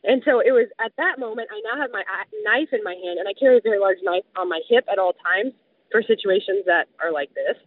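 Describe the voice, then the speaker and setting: A woman's voice: medium pitch, animated, a little fast, dry recording. A woman vividly retelling a close call, peppering her talk with fillers of "like". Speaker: guest telling a survival story. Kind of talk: casual spoken storytelling. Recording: dry, tinny phone-like sound.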